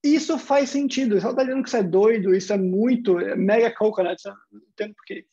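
Brazilian lecturer explaining with rhetorical questions. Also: male voice, high-pitched, quick pace, mellow, lo-fi sound. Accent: Brazilian Portuguese. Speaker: university lecturer. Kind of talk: online lecture.

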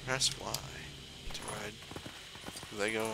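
A man's voice: fairly low pitch, steady tone, slow pace, gravelly, heavy background noise. A young man giving casual let's-play commentary in an offhand, wry way. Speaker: gamer. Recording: voice mixed with loud game audio. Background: loud game music and sound effects.

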